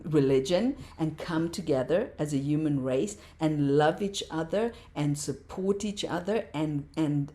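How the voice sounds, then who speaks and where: A woman with a low, mellow voice speaks as a podcast guest. She talks with passion and stacks up repeated words to drive her points home. She sounds middle-aged. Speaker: podcast guest, meditation teacher. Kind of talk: casual interview talk.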